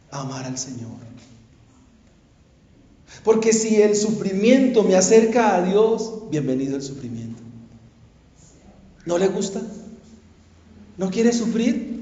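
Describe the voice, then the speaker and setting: A male pastor preaching a sermon, swinging from hushed confession to pleading cries. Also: high voice. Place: church. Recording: echoey church hall, dull lo-fi sound.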